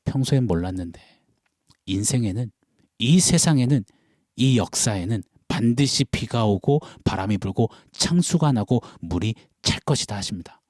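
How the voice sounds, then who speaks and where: Male pastor, middle-aged, dramatic sermon delivery with a warm, dark tone and a dry sound. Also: lowish voice, expressive, normal speed, no echo. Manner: dramatic, swings from loud cries to hushed whispers; acts out prayers and congregants in quoted voices. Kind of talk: early-morning sermon.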